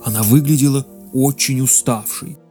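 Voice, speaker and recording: A narrator reading a fairy tale in a measured, expressive way. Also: mid-range voice, faint music behind. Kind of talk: storybook narration.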